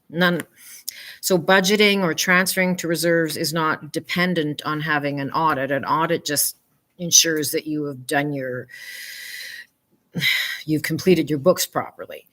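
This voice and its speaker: A Canadian woman, a municipal administrator, explaining budget matters at a public meeting in halting turns. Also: low voice, fairly bright tone. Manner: halting, explains with many fillers and restarts.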